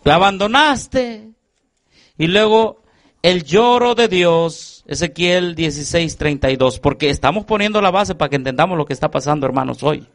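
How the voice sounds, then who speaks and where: A man's voice: a little high, normal speed. A man preaching a sermon, reading scripture aloud and asking the congregation repeated questions so they fill in the words. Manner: reads scripture aloud with emphasis.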